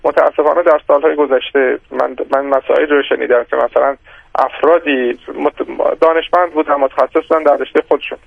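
Gravelly-voiced man explaining economics on radio. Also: on the high side, steady tone, no room sound. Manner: measured, explanatory, with frequent hesitations and restarts. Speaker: economist guest. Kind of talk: radio interview answers. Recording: dry, dull lo-fi radio sound.

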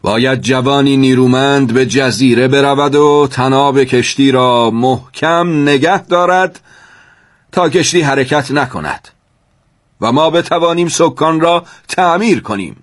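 A man voicing a big, burly, stern ship captain who gives loud commands in formal speech. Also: mid-range voice, voice pushed up, lightly acted. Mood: commanding.

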